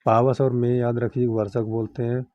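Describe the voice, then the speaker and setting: A man with a very dark, heavy tone teaches an online exam-prep class. He runs through long chains of synonyms in the same repeated phrasing, with little rise and fall in his pitch. Now and then he stops to remind students which words to learn by heart. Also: level tone, moderate pace, no echo, lo-fi sound. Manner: keeps reminding students what to memorise.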